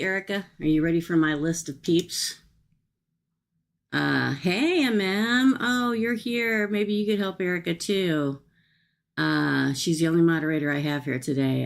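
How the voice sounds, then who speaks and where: A woman's voice: deep voice, gravelly. A woman chatting casually and folksily as a livestream host, rambling to her viewers and talking with a swollen jaw and cheek after dental work. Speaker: livestream host offering paid psychic-style readings.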